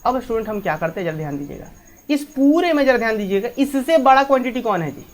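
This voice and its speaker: A woman's voice: a little high, expressive, quick pace. A woman maths teacher explaining a lesson step by step, mixing English maths terms into her talk and asking students many questions.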